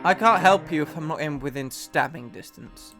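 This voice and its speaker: A man's voice: on the high side, moderate pace, sharp tone, soft background music. A man giving casual, joking let's play commentary and swearing often. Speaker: game player.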